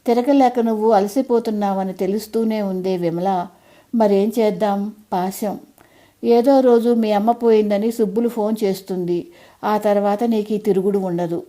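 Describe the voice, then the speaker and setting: A woman's voice: medium pitch, steady tone, moderate pace, dark tone, close to an everyday voice. A woman reading an audio story, voicing a frail, proud elderly mother who chides and teases in homely, old-fashioned speech. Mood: wry chiding.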